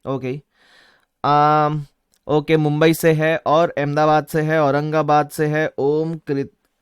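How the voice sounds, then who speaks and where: A man with a Mumbai accent teaching a live online class, energetic, mixing Hindi and English and reading viewer chat aloud. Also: on the high side, takes it slowly, smooth, no room sound, studio quality. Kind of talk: live-streamed online lecture.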